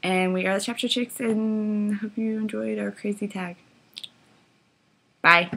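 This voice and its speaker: A woman's voice: mid-range voice, fairly even intonation, unhurried, vocal fry, bright, forceful tone, slight background noise. A young woman co-hosting a book vlog, chatting casually through a tag and often laughing. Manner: giggly, bursts into laughter. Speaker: book vlogger co-host. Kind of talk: casual chat answering a tag.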